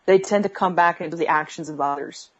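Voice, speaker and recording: Woman interview guest, low voice, calling in from her bedroom over a breaking-up phone connection with dull lo-fi sound, hesitant with many fillers. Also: fairly quick. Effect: bad connection on a phone video call, breaking up. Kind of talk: answering questions in an interview. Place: bedroom at home. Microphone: video call app on a phone. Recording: lo-fi phone call audio.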